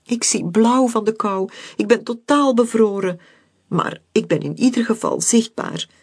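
A storyteller voicing a small, gloomy, complaining female animal with orange fur in a children's story, in a high, plaintive voice. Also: unhurried, slightly rough. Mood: relieved.

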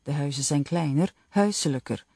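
A woman narrating an audiobook in the first person with a slow, even reading. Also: low voice, gravelly, slightly rough, no room sound, studio quality.

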